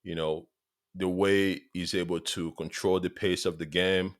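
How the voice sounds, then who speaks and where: A deep, unhurried voice with a level tone belongs to a football vlogger in his thirties from Congo. Speaking with a Congolese accent, he eagerly and casually addresses viewers directly, repeating points for emphasis. The recording is dry and clean, studio sound.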